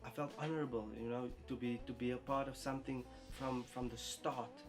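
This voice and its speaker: A man reflects earnestly in an interview, often stopping to repeat a word. His voice sits at a middle pitch. Clear guitar music plays behind him. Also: fairly even intonation. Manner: earnest, halting with repeated words. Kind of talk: interview answers.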